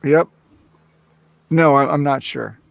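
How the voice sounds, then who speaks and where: Man, slightly high voice, casual stream co-host, joking, teasing, laughing. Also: takes it slowly, vocal fry. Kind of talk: casual livestream chat.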